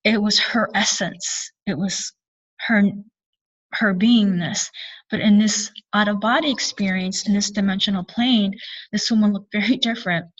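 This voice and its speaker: A woman's voice: medium pitch, fairly even intonation, moderate pace, slightly rough. Woman channeler, earnest rambling story, slightly distant mic, dull lo-fi sound. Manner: earnest, meandering, with frequent self-corrections. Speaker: spiritual channeler and speaker. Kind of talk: recounting a personal experience.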